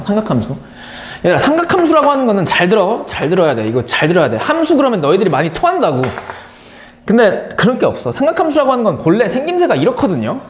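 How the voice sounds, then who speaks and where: A man's voice: high voice, reverberant, slight background noise. A man teaching a live math class, playful and drilling key terms by repeating them. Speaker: math instructor.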